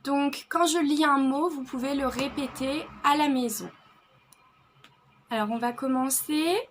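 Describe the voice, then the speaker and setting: A young French woman with a Bordeaux French accent, teaching vocabulary and repeating each word slowly and carefully. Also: sits high, a little hiss or hum. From France. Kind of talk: online vocabulary lesson.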